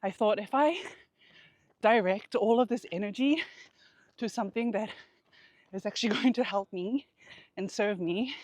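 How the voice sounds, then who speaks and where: A woman talking candidly and reflectively to her vlog while out running, in a halting, casual way with pauses. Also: mid-range voice, darkish tone, no room sound. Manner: candid, introspective. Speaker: vlogger.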